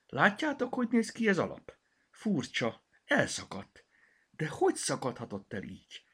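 A man's voice: on the high side, huge pitch swings, a bit bright, slightly rough, voice pushed up, exaggerated voice. A man voicing a curious little boy who asks eager questions.

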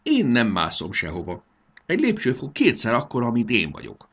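A man's voice: medium pitch, wildly swooping pitch, fairly bright tone, pitched above the performer's own voice, full character voice. A man voicing a tiny fairy girl who pouts, teases and coaxes her friend. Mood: eager, pouty. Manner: pouting and teasing. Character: tiny cheeky fairy girl, eager and teasing.

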